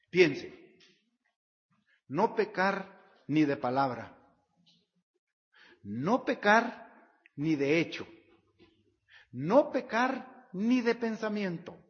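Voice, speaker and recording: A man's voice: high voice, fairly bright tone. A man preaching a sermon, reading scripture aloud and repeating the verse references. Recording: dull sound with long hall reverb.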